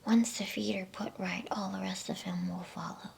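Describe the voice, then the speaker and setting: A woman's voice: mid-range voice, steady tone, moderate pace, vocal fry, darkish tone. A woman reading a storybook in a whisper, voicing a noble, joyous male lion who takes command.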